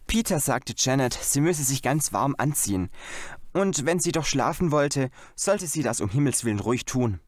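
A man narrating a children's audiobook with expressive, lively storytelling. His voice sits in a middle register and the sound is close and dry. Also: medium pitch, normal speed, no echo. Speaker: audiobook reader. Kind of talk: scripted narration.

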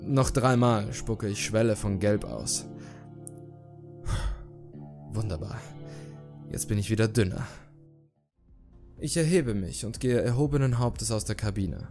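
A man reading a horror story aloud in steady, measured narration. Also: on the low side, creaky. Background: background music.

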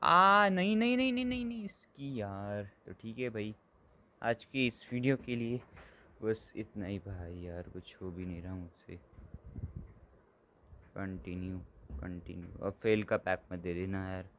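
A man with a fairly low voice talks through a mobile football game as he plays it. His commentary is casual and excitable, full of quick exclamations, and he addresses his viewers like friends. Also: slight background noise. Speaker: gaming channel host. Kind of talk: casual live gameplay commentary.

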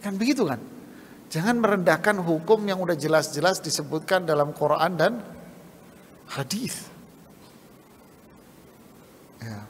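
Gravelly-voiced preacher man in an echoey mosque. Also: a little high, unhurried, pauses often, a little hiss or hum. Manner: lively, mimics scoffers and salesmen in asides. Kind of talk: sermon. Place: mosque hall.

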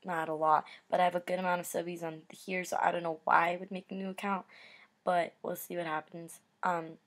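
A teenage girl talks to her viewers in a halting, apologetic ramble, stopping and restarting as she goes. A retainer slurs her consonants a little, and her low, flat voice slips into fry. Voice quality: slurred speech from a dental retainer. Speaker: YouTuber. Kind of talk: casual vlog update.

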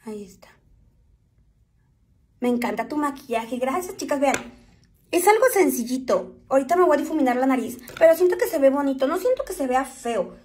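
A woman's voice: sits high, expressive, a little fast, a little mellow, slight background noise. A woman with a Mexican accent chatting and joking with viewers while doing her makeup on a live stream, often calling them "chicas". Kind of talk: casual chat to viewers.

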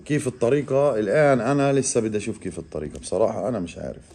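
A man, casually explaining to viewers while calmly coaxing an animal, often in a hushed voice. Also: on the low side, very fast, noisy background. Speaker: reptile keeper vlogger. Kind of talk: casual handheld animal vlog.

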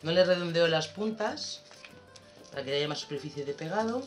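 A woman explains a scrapbooking project in a relaxed, conversational tutorial voice-over. She chats and muses aloud as she works. The sound is roomy, with faint music underneath. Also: sits low, moderate pace. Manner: chatty, relaxed, thinking aloud while working. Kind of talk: casual craft tutorial voice-over.

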